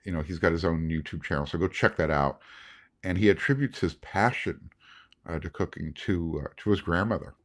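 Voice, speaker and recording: A man's voice: low voice, fairly quick. A man hosting a sports podcast, recapping in a casual, rambling way with many fillers and restarts. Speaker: podcast host.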